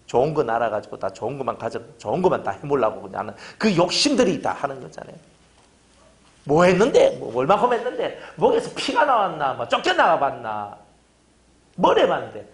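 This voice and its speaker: Fervent preacher with a lively voice. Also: male voice, medium pitch, fairly quick. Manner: fervent, hammering rhetorical questions. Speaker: pastor. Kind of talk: sermon.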